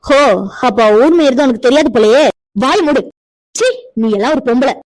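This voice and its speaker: A woman voicing a harsh, scornful older widowed mother-in-law in a cartoon, loud and insulting. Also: high voice, normal speed, dry recording, lightly acted, low-quality recording. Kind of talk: cartoon voice acting.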